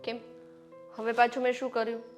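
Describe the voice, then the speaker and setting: An actress playing a quarrelsome young daughter-in-law who talks back sharply in a family drama. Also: female voice, completely flat delivery, brisk, soft background music, close to an everyday voice. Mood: defiant. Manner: shrill, argumentative.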